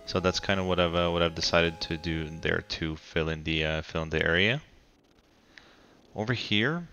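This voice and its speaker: With lo-fi sound and soft background music, a Colorado gamer with a very deep, cold-roughened voice narrates his city build casually. He's relaxed but halting, often saying um and starting over, and his tone stays bright and forward.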